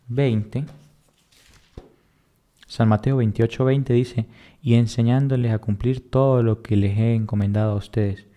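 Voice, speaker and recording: A man teaching a Bible lesson, asking questions and answering them himself, repeating points with emphasis and reading verses slowly. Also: mid-range voice, dark tone.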